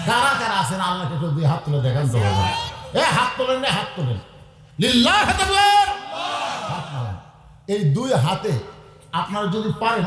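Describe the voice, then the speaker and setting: Middle-aged waz preacher, pushing the crowd to give money, big echoey pa sound outdoors. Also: male voice, high-pitched, a little hiss or hum. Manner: lively, calls on the crowd to answer and raise hands; appeals for donations, blesses each gift. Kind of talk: Islamic waz sermon.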